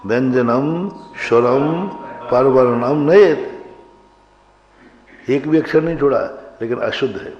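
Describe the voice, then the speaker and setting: A man teaching a class in an unhurried, deliberate way, asking his listeners questions and often answering them himself. He draws words out to show how they should be said, and his voice rings with the long reverb of a large hall through dull, muffled broadcast audio. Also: mid-range voice, mellow. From India. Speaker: monk teaching Sanskrit grammar. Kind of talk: classroom lecture.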